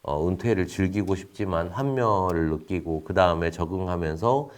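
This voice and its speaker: A man giving a recorded lecture in an explanatory tone, asking questions and then answering them himself, with frequent fillers. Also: moderate pace. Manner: explanatory, asks and answers his own questions; frequent fillers, lively rises and drops in pitch.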